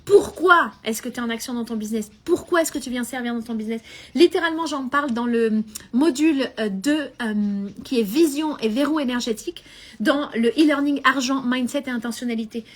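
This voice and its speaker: Woman, business coach, live stream, high-pitched, animated, mixes in English phrases. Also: a little fast.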